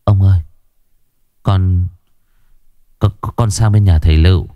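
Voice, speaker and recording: A man's voice: fairly low pitch, takes it slowly, no room sound. A man voicing a timid young male servant who stammers and pleads nervously to his master. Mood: anxious.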